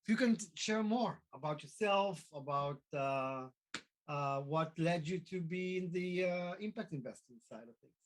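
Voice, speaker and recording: A man hosting a live online interview, talking in a halting way with many fillers and restarts. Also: a little high, expressive, slight background noise, rough recording. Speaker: host.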